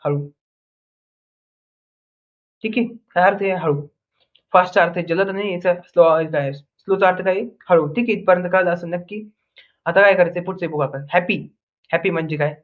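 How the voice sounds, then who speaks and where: A young man teaching an English grammar lesson, drilling word pairs with repeated questions and answers and a constant "okay". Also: high-pitched. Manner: says "ठीक आहे" constantly. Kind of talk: online lesson in Marathi. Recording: tinny phone-like audio.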